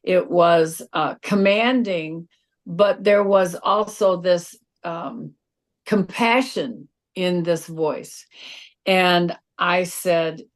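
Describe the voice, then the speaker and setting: Woman, lowish voice, earnest, halting, restarts sentences, personal spiritual account. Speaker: guest author. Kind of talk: recounting a personal spiritual experience.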